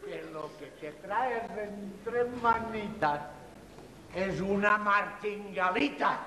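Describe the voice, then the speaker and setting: A man playing a nosy, skeptical slave creature in a theatrical comic dialogue, teasing with drawn-out delivery. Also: high voice, pushed and bright, slight background noise, full character voice. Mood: mocking. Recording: very echoey hall, crowd sound behind.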